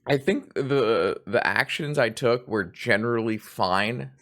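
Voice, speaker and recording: A man's voice: medium pitch, slow pace, fairly bright tone. A hungover man giving rambling, self-deprecating live commentary on a card game stream, swearing casually.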